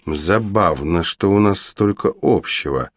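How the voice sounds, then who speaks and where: A man putting on a cold, scheming witch who lingers over every word with slow menace. The voice sits deep and low, and the reading sounds close and dry, with no room around it. It plays as a villain in a storybook. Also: no echo. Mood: drawling. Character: sinister scheming adult female witch.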